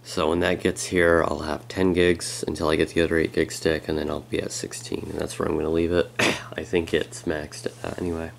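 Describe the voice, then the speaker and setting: A man who is a bit sick, giving a casual, halting walkthrough of his laptop as a tech vlogger. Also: a bass voice, little pitch movement, creaky, a little hiss or hum. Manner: halting and unhurried, with frequent pauses. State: sick, with a slightly strained voice. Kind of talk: casual hands-on product walkthrough.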